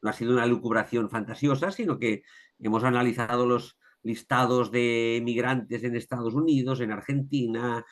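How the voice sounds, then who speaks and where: In a casual interview, a male author with a Catalan accent appears as a guest and discusses his research. He speaks at a normal speed with a medium pitch and fairly even intonation, reflective in manner, full of restarts and tag questions.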